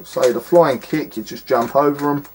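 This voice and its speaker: A man talks through a game he clearly despises, exasperated and scornful, trailing into fillers as he plays. His voice sits at an ordinary middle pitch. A steady hiss and clicking sit under the whole recording. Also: normal speed. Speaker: retro game reviewer. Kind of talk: casual gameplay commentary.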